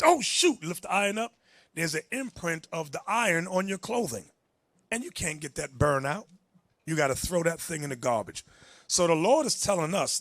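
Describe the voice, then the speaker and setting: A man's voice: a little high, fairly bright tone, no echo, studio quality. A man preaching and teaching from the Bible, emphatic and direct, telling a reader when to go on.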